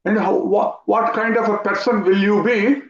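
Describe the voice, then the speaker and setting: A man with an Indian English accent, teaching an online yoga class, talking in an animated way, repeating phrases and asking his students questions. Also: high-pitched, moderate pace. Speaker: yoga instructor. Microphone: video call. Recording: roomy, dull lo-fi video call audio.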